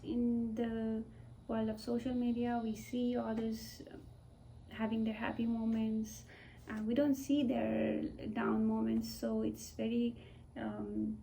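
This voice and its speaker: A woman in her twenties chatting casually to camera in a vlog, slowly and hesitantly, with many fillers and restarts. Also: fairly high pitch, level tone, creaky, warm tone, recorded from a distance, a little hiss or hum, low-quality recording. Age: 20s. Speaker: vlogger. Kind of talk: casual talking-head vlog.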